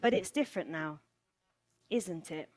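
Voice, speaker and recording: A middle-aged British woman from England giving a storytelling talk, rhythmic and deliberate, slowing and pausing for emphasis and returning to a rhetorical refrain. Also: on the low side, animated, darkish tone. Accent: British English. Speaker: speaker.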